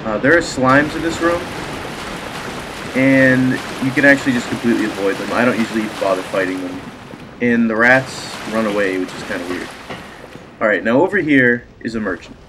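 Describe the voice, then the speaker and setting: Speaking at normal speed in a mid-range voice, a man who sounds congested from a cold gives chatty, wandering commentary as he plays a video game for his let's play. Steady background noise runs underneath.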